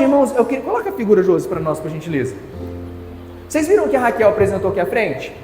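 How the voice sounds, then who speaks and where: A Brazilian man preaching in a church, his voice riding high and swinging up and down with emphatic, repeated phrases. The sound rings through a large, echoing hall with long reverb. Soft music plays underneath. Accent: Brazilian Portuguese. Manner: emphatic, repetitive preaching cadence. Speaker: pastor. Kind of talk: sermon.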